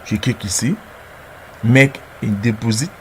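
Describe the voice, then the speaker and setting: A man's voice: medium pitch, a little slow, slight background noise. A man narrating a screen-recorded tutorial as its presenter, talking through each step hesitantly and repeating words as he clicks.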